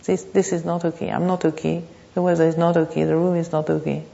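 Muffled echoey hall recording, low creaky woman w teaching meditation, thinking out loud in bits. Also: level tone. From Thailand. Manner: reflective, halting, with pauses and repeated phrases. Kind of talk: unscripted dharma talk.

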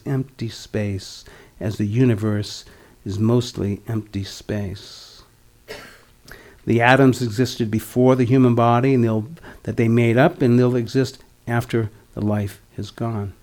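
A man's voice: fairly low pitch, steady tone, slow pace, darkish tone. A man in his sixties giving a dharma talk as a meditation teacher, reflective, with wry, humorous asides. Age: 60s.

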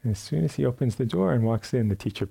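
A man giving a dharma talk at a meditation retreat, telling a story in a relaxed way with many fillers and restarts, sometimes acting out sounds and quotes. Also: mid-range voice, fast talker, gravelly, slightly rough. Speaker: meditation teacher. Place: retreat center meditation hall.

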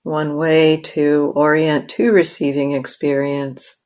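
A female meditation teacher leads a guided meditation in a low register with very even intonation. She speaks in measured, short phrases separated by long, generous pauses.

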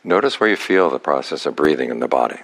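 In a very deep voice, a man acts as teacher for a guided meditation, speaking short phrases calmly and slowly with long pauses in between.

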